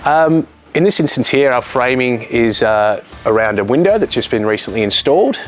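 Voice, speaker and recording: Australian show host, mid-pitched man. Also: lively intonation, moderate pace. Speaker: co-host and interviewer on a home-building show. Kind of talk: presenter-style walkthrough with casual questions.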